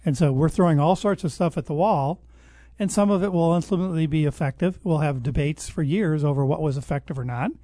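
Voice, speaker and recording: A man with a mellow voice that sits a little high talks through his views in a measured, explanatory way. He often stops and restarts his sentences. The sound is dry and close. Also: no echo. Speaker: guest expert on public health. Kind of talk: conversational interview answers.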